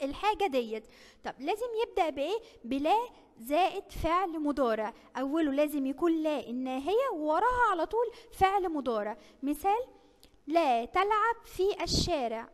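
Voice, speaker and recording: Egyptian lady teacher, high voice, talks fast, asks the kids lots of questions, echoey room. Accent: Egyptian Arabic. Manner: warm, coaxing teacher tone with many rhetorical questions. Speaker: primary school teacher. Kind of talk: recorded online lesson for children.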